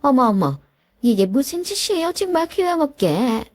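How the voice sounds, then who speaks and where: A woman's voice: high-pitched, very animated, moderate pace, a little mellow, no echo, clean studio sound, pitched above the performer's own voice. A woman voicing a snobbish older mother-in-law with a prim, sneering manner. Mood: shrill.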